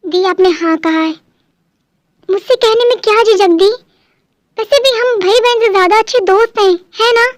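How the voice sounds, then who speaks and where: A high-voiced performer voicing an earnest, gentle young man who is a husband and brother, in a fan dub drama, speaking softly and coaxingly. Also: moderate pace, no echo, clean studio sound. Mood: pleading.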